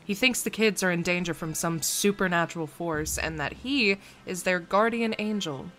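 A woman's voice: fairly low pitch, normal speed, a bit bright, soft background music, close to an everyday voice. A woman playing a wry, no-nonsense police lieutenant in an audio drama, sardonic and assertive. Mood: wry, brisk.

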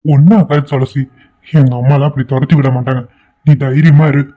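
A man's voice: medium pitch, flat delivery, fairly quick, dry recording, narrow, tinny audio, lightly acted. A man in his twenties voicing a defiant young husband arguing with his mother in a cartoon. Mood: reassuring. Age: 20s. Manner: defiant, insistent. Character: defiant young husband, 25, hot-headed son. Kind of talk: cartoon voice acting.

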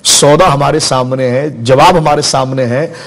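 A man in his forties, a religious scholar in a TV studio interview, explaining slowly with everyday examples and stories. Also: medium pitch, steady tone, gravelly. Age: 40s. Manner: measured, explains with examples and anecdotes. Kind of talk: studio interview, spiritual teaching.

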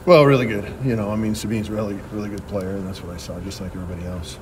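A middle-aged man, a head baseball coach, answering reporters at a postgame press conference with plain, quick answers and frequent restarts. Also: fairly low pitch, fairly even intonation, background noise. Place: press backdrop at a ballpark.

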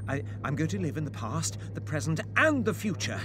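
Emotional, wide-swinging Scrooge, repentant miser. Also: male voice, fairly high pitch, big pitch swings, noisy background. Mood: giddy joy. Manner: stammering, emotional, halting. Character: reformed old miser Scrooge, frantic, repentant, giddily joyful. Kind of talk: theatrical audio drama acting.

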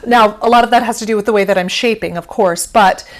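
A woman's voice: medium pitch, fast talker. A woman guest on an interview, explaining singing technique in a conversational way, with frequent fillers and easy laughter. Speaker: vocal pedagogy specialist guest.

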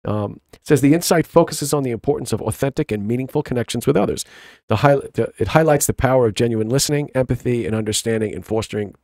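A man's voice: mid-range voice, quick pace, a little mellow, no echo, clean studio sound. A middle-aged man with a Long Island accent, co-hosting a casual book club podcast in a rambling, reflective way with frequent restarts. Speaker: podcast co-host.

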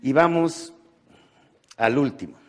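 A man's voice: medium pitch, animated, takes it slowly, faint music behind. An older man with a Mexican accent giving a live motivational lecture, emphatic and full of rhetorical questions. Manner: emphatic, rhetorical questions, acts out voices in anecdotes. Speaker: motivational speaker. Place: lecture hall.

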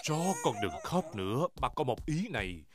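A man's voice: medium pitch, sing-song, moderate pace, loud music behind the voice, lightly acted. A man voicing a jolly, confident father pig in a children's cartoon dub. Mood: reassuring. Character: jolly, confident daddy pig, adult male.

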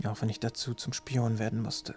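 A man voicing a remorseful young man in an audiobook, speaking quietly and subdued. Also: mid-range voice, flat delivery, brisk, over music, lightly acted.

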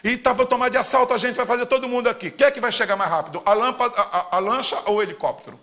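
A man in his fifties with a Paraense Brazilian accent, hosting a live campaign talk with emphatic, fiery delivery that swings between loud declarations and low asides. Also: very fast. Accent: Paraense Brazilian Portuguese. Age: 50s. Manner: gestures broadly with his arms while talking. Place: indoor studio in front of a green screen.

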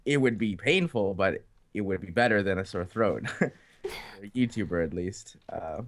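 A man's voice: deep voice, moderate pace. A young man with a sore throat, chatting and joking while playing a game with the host, laughing often. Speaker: co-player. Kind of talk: casual gameplay commentary.

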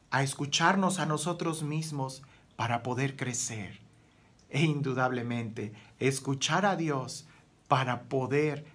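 Earnest priest preaching a homily. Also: male voice. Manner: earnest, rhetorical questions, swings between raised emphasis and soft low phrases. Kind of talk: daily gospel homily.

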